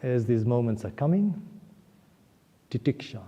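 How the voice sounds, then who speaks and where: A guest speaker at a temple gives an earnest spiritual discourse, telling a story and getting listeners to repeat key words aloud. His medium-pitched voice is dark, animated, and a little slow, captured as dull lo-fi audio in a reverberant hall.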